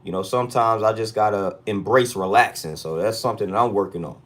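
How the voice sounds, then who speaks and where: A man's voice: lowish voice, quick pace, fairly bright tone. An American man hosting a casual livestream check-in, talking in street slang and repeating hype catchphrases. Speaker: livestream host.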